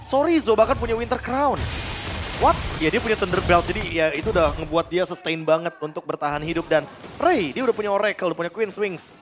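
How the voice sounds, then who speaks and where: A man's voice: high voice, fairly quick. A man with an Indonesian accent giving analytical esports caster commentary. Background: music.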